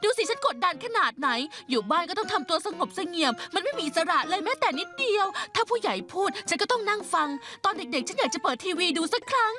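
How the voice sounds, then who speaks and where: A woman's voice: extremely high pitch, lively intonation, quick pace, hardly any pauses. A woman dubbing an earnest, talkative teenage schoolgirl in a TV drama. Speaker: voice actor. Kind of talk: dubbed TV drama. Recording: background music under the dialogue.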